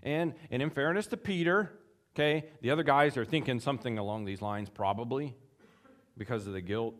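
A man preaching a sermon, acting out the quotes in his text with big jumps in voice and chuckling between points. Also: fairly quick. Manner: animated, acts out quotes with big pitch jumps. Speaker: pastor.

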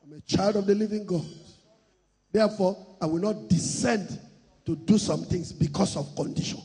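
A man with a Nigerian accent preaching a sermon as pastor, swinging between shouted declarations and soft asides. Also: high-pitched, moderate pace, husky, long reverb tail, soft background music. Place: church.

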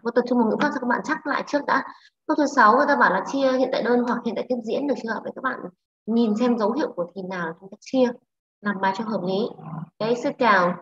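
A woman English teacher with a Vietnamese accent, leading a class online, brisk and prodding students with questions. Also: fairly high pitch, a bit bright. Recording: echoey, lo-fi online class audio.

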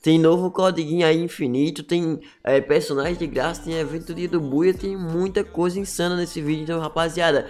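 A man's voice: a little high, steady tone, brisk, hardly any pauses, darkish tone. Brazilian man with a congested sore-throat voice. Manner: chatty, slangy, peppering sentences with tags. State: congested, choked-up voice from inflamed throat. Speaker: gaming YouTuber giving game news. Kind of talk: casual gaming news commentary. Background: music.

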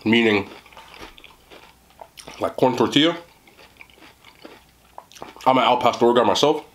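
A man's voice: medium pitch, takes it slowly, slight background noise. A young man doing a mukbang eating chat, joking in slang and talking while he chews. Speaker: food reviewer.

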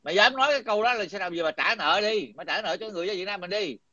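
A man's voice: high-pitched, lively intonation, very fast, bright, forceful tone, dry recording. A middle-aged man, talking in a heated, coarse and combative way, repeating himself. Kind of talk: heated casual talk. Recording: dull lo-fi dry sound.

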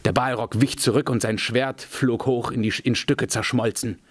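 A man reading a fantasy novel aloud in a measured, dramatic storytelling manner. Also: mid-range voice, steady tone, no room sound. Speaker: audiobook reader.

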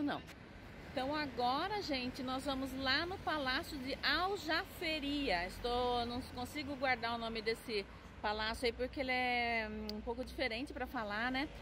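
A woman's voice: fairly high pitch, fairly bright tone. A middle-aged Brazilian woman with a Brazilian Portuguese accent, chatting enthusiastically to her viewers in a casual travel vlog. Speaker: travel vlogger. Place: outdoors on city streets. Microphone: handheld camera at arm's length. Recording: street traffic noise behind.

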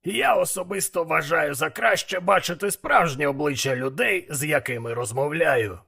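A man's voice: a little high, normal speed, vocal fry, sharp tone, slightly rough, pitched above the performer's own voice, full character voice. A man voicing a blunt, bossy male demon mentor in an audiobook, scolding and impatient. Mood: scheming. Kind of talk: audiobook character voice.

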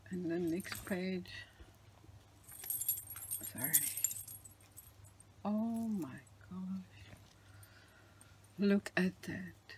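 A woman vlogger showing off a handmade craft book, gushing with admiration and often dropping into soft whispers. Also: medium pitch, background noise. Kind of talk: show-and-tell craft video.

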